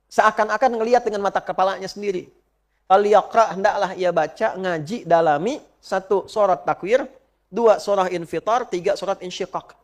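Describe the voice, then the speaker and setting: A man preaches a sermon. He chants Arabic verses slowly and questions his listeners directly, swinging from emphatic peaks to soft asides. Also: high-pitched. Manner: asks the audience direct questions. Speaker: Islamic preacher.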